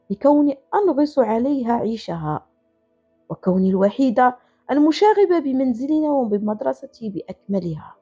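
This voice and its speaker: A woman narrating a scripted first-person story in an earnest, emotional way. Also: high voice. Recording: slightly dull, soft music behind.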